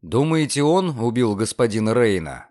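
A man playing a calm young lawyer questioning. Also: mid-range voice, dry recording, studio quality, natural voice. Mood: probing. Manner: measured, probing.

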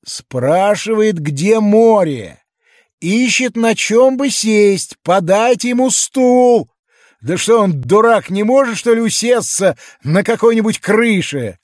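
A man voicing a jeering, excited crowd of townsfolk with shrill, mocking shouts, in a dry studio recording. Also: takes it slowly, no room sound.

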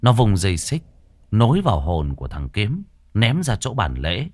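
A man's voice: on the low side, huge pitch swings, moderate pace, darkish tone, no echo. Man telling a dramatic ghost story.

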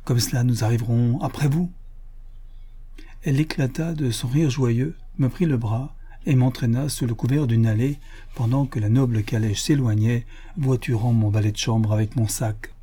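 Husky dark-voiced male narrator. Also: medium pitch. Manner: measured, expressive reading. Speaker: audiobook narrator. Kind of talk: literary audiobook narration.

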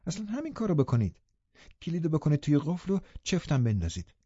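A man's voice: a little high, sing-song, husky, no echo, voice pushed up. A man reading the lines of a tired, defiant young woman in an audiobook. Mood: weary. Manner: weary, then sharp and defiant. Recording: muffled lo-fi recording.

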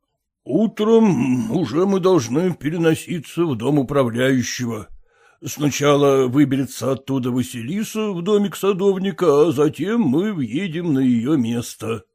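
A man's voice: on the high side, expressive, a little slow, dark tone, slightly rough, exaggerated voice. A man reading an audiobook, voicing a gloomy, sentimental nobleman who sighs and exclaims. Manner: mournful, exclaiming. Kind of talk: audiobook character voice.

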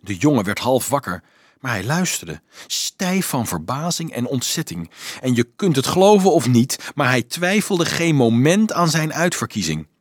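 A man's voice: mid-range voice, big pitch swings, moderate pace, no room sound, studio quality. A man reading a remorseful middle-aged male swindler who pleads and confesses in an earnest, guilt-ridden way. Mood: recounting. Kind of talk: audiobook character voice.

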